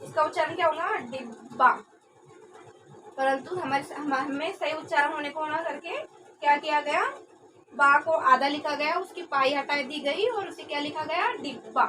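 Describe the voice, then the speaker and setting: A young woman trainee teacher giving a classroom lesson, speaking slowly, repeating words and answering her own questions. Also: high-pitched. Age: young adult. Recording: distant mic with background noise.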